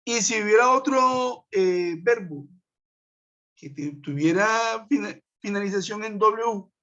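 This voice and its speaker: Dull lo-fi audio from a computer mic carries a man's somewhat bright, high-sitting voice as he explains English grammar over a web conference. He moves patiently through each rule in turn and checks in with the class.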